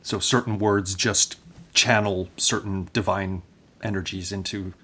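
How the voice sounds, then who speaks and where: A man's voice: low voice, steady tone, a little slow, fairly bright tone, husky. A man hosting an academic interview, engaged and conversational, with some hesitations. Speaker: podcast host.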